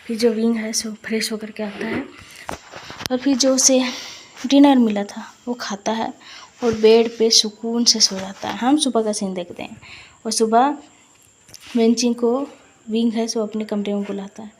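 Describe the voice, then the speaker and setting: A woman's voice: on the high side, fairly even intonation, moderate pace, a little hiss or hum. A woman narrating a fan-fiction story in a chatty, retelling way, with lots of fillers.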